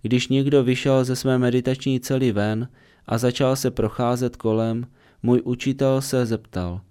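A man reads a spiritual discourse in a mellow, dark voice. He sounds smooth and resonant, and his delivery is calm, measured and earnest throughout. It is a steady voice-over reading of a meditation talk. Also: medium pitch.

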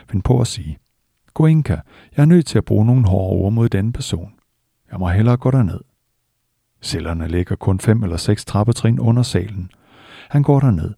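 A man with a very dark, gravelly voice delivers a spiritual discourse as a meditation teacher. He is slow, measured and earnest, with a husky edge. The recording is close and dry. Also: on the low side, no echo.

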